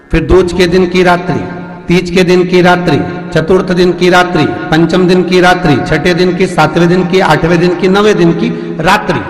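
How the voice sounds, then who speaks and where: A man giving a devotional sermon, asking the audience questions and counting off the days one by one. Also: high-pitched. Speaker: religious storyteller preacher. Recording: echoey hall with music behind.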